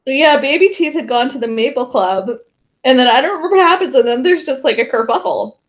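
A woman's voice: sits high, animated, fairly quick. A woman co-hosting a casual show recap, chatty and fond of fillers. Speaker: podcast co-host.

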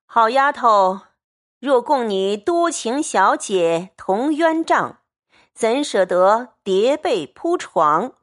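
A woman voicing a playful, doting young nobleman in a storytelling reading, teasing and quick to plead. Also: mid-range voice, very animated.

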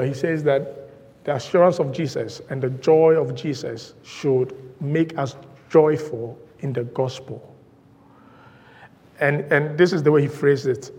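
A man's voice: fairly high pitch, a little mellow, in a large hall. A male pastor preaching a sermon in a church, emphatic and rhythmic, driving points home through repetition. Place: church sanctuary.

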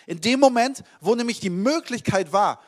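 A man preaching a sermon as a pastor, speaking with energy and swinging between loud emphasis and quiet asides. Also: high-pitched, animated, normal speed.

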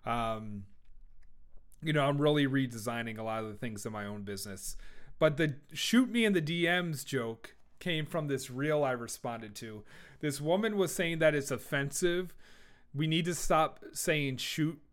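A man's voice: mid-range voice, moderate pace, clean tone. Profane, rambling man hosting a podcast. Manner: rambling, profane, jokey, with frequent fillers and restarts. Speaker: podcast host. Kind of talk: casual solo podcast monologue.

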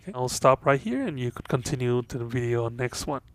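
A male instructor talks through a recorded lecture, his voice nasal and stuffy from a cold. He pauses often, with many fillers. The sound is dry and close. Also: mid-range voice, expressive, a bit bright, no echo.

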